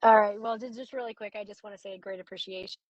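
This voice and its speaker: A woman council member calling into a public meeting over a bad, breaking-up phone line, giving halting, choppy remarks of thanks. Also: mid-range voice, fairly even intonation, no echo. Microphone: call-in over a bad connection.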